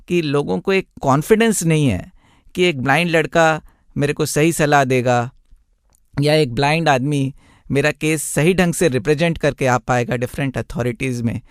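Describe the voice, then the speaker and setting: A man, a blind tax consultant, answering radio interview questions in a measured, explanatory way with many examples. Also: fairly high pitch, clear, resonant tone, no echo, clean studio sound.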